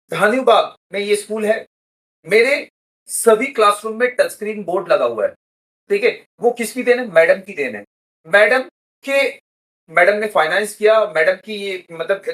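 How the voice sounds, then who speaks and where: A man's voice: high voice, a bit bright, poor audio. A man who runs a school, explaining at length in an interview and often checking in with "okay". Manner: explanatory, keeps adding "theek hai". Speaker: school director. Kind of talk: interview answers.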